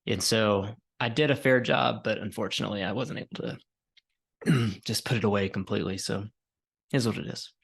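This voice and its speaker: A man in his forties co-hosting a podcast, telling a rambling story in a relaxed, tired way with many fillers. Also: fairly low pitch, fairly quick, vocal fry, slightly rough. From Colorado, USA. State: tired, yawning. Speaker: podcast co-host. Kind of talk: casual chat.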